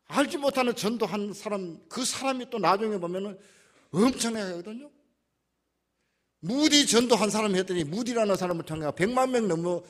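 A male pastor with a Gyeongsang accent preaching a conversational sermon and putting questions to the congregation. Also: high voice. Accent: Gyeongsang dialect. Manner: conversational, asks the audience questions.

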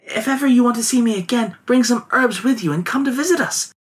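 A man's voice: very high voice, fairly quick, voice pushed up. A man voicing a sorrowful young widow who speaks in a plaintive, formal old-fashioned way. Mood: calm.

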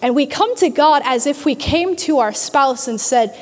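A woman pastor preaching a sermon to her church, animated, often repeating her words and acting out the voices she quotes. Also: high voice, normal speed. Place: large church hall. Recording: long hall reverb.

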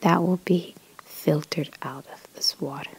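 A woman guides a meditation in a soft spa whisper, very breathy and husky. Her delivery is slow and soothing, with short measured phrases and a gentle creak in the low-lying voice. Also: steady tone, low-quality recording.

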